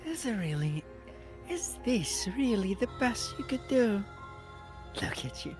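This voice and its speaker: A woman's voice: fairly high pitch, sing-song, a little slow, music in the background, pitched above the performer's own voice. A woman voicing a menacing, condescending captive princess in a visual novel game, taunting and disappointed. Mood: mocking disappointment.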